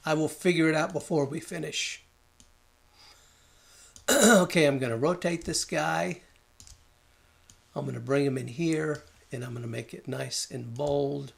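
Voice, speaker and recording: Man, slightly high voice, gravelly, screen-recorded software tutorial, thinking aloud, keyboard clicks behind. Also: measured pace, pauses often. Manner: thinking aloud, muttering at the software while working. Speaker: design instructor.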